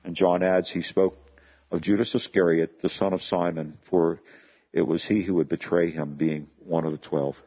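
A male pastor delivers an earnest sermon to his church, stopping often to put questions to the congregation and restarting words as he thinks aloud. His voice is low and husky. The recording is dull and lo-fi. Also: little pitch movement, moderate pace. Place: church service.

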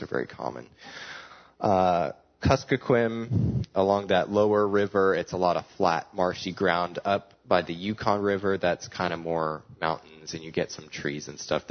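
A man giving an informal slideshow talk as a camp presenter, speaking in a halting, conversational way. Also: low-pitched. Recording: dull, muffled lo-fi sound.

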